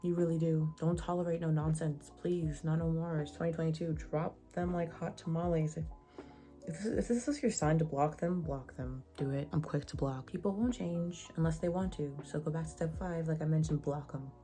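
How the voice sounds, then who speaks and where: Low, mellow young woman vlogging. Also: normal speed, faint music behind. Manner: casual, slangy, sassy asides; says she sounds monotone. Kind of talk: casual advice vlog.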